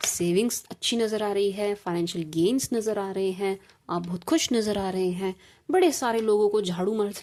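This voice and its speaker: A woman's voice: medium pitch, darkish tone. A woman from India giving a collective tarot reading in a casual, repetitive, reassuring way, mixing Hindi with English phrases. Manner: calls viewers "sweet sugar gems" and adds "ठीक है जी". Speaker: tarot reader.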